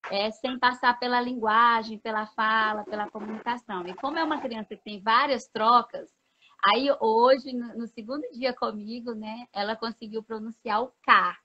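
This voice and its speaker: Woman explaining slowly, dull lo-fi sound. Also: fairly high pitch, sharp tone. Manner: explanatory, many "né?" tags and restarts. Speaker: pedagogue guest. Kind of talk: casual interview chat.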